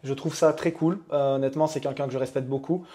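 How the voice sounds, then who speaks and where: A Belgian coach in his thirties, with a medium-pitched, steady, dark-toned voice, speaks as a guest in a casual interview. He talks fast and candidly, in a confiding way.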